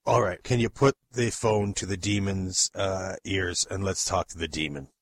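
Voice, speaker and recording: A man's voice: deep voice, steady tone, normal speed. A man playing an exasperated, bossy radio talk show host in a comedy sketch.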